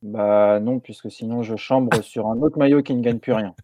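A man co-hosting a show, running through the lineup in a relaxed, jokey way with some hesitations. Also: mid-range voice, moderate pace, no echo. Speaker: co-host.

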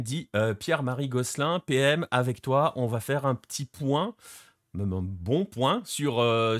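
A man's voice: medium pitch, no echo, studio quality. Man hosting with a sore throat. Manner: rambling, many fillers, laughs often. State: sore throat after illness. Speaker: host. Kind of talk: casual football show hosting.

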